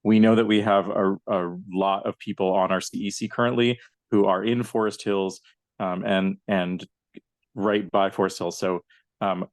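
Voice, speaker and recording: A man with a somewhat low voice gives public comment on a video call, earnest and emphatic, often pausing with "um". The sound is dry and close, with no room around it. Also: no room sound. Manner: earnest, many "um" pauses, emphatic. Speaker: public commenter at a council meeting.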